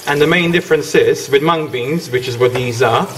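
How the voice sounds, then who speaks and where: A man's voice: medium pitch, normal speed, a bit bright. A man from Bosnia and Herzegovina, a guest cook, explaining a kitchen demonstration step by step. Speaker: guest cook and orchid judge. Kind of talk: casual demonstration. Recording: roomy, faint noise.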